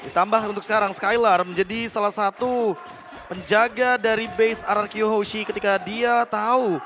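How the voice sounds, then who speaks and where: A man's voice: high-pitched, steady tone, moderate pace, fairly bright tone, faint music behind. A man with an Indonesian accent giving analytical esports caster commentary, explaining play with English game terms mixed in.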